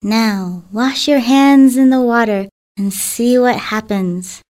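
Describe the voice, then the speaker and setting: A woman voicing a small, shy, kind male snake in a storybook reading, speaking low and slowly. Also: darkish tone. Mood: gentle.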